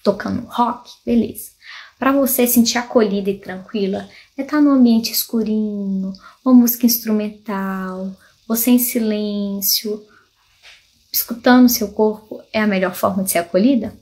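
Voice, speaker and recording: Seated indoors, a female pelvic physiotherapist with a mid-range voice gives an explanatory health talk to viewers at normal speed. She is lively and demonstrative, asks rhetorical questions, draws everyday comparisons and is fond of diminutives, using many of them.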